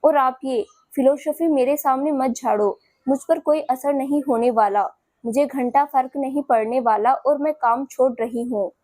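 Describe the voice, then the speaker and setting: A woman's voice: high-pitched, moderate pace, dark tone, no room sound. A woman voicing a hurt, stubborn young woman who talks back sharply and defiantly in a storybook.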